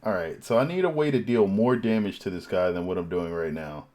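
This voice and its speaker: A man casually commenting while playing a game, relaxed and thinking aloud. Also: deep voice, fairly quick. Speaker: gameplay streamer. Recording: voice over game audio and music. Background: game music.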